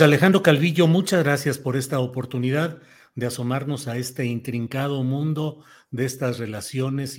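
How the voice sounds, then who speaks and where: A man hosting a live news programme, with a measured, formal and wordy way of talking. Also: medium pitch, darkish tone.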